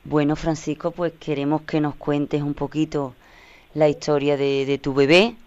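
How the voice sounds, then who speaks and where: A man's voice: a little high, flat delivery, normal speed, close to an everyday voice. A man voicing an affectionate female fortune-teller therapist on a talk radio show, calling callers fond pet names. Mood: sympathetic. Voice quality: smooth, fond terms of endearment. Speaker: co-host. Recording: slightly dull lo-fi sound.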